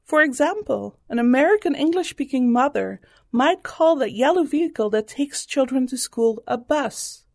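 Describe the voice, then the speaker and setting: High-voiced woman professor explaining research. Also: lively intonation, creaky, no room sound, clean studio sound. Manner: measured, explanatory. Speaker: psychology professor. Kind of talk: scripted radio commentary.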